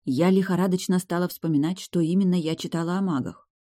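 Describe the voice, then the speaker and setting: A woman reading a first-person fantasy novel aloud as an audiobook narrator, in a steady, wry storytelling manner. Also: on the low side, quick pace.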